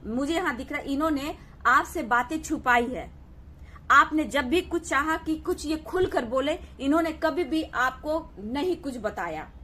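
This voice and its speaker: A woman's voice: high voice, sharp tone, a little hiss or hum. A woman giving a collective tarot reading, addressing viewers as "dear" and often repeating "okay" to reassure them. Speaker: tarot reader.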